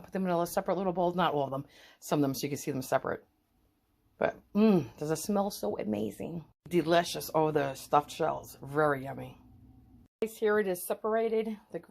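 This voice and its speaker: A woman with a lowish voice chats through a home cooking demonstration, calling out to her viewers and heaping praise on the food. Her delivery is casual and eager, with frequent fillers. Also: creaky. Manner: enthusiastic, repeats "guys" and praise words.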